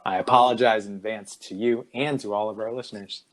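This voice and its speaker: A man's voice: fairly low pitch, steady tone, brisk, fairly bright tone. A man co-hosting a casual podcast, chatty, asking follow-up questions and laughing often while sipping a drink. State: sipping bourbon while talking. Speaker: podcast co-host.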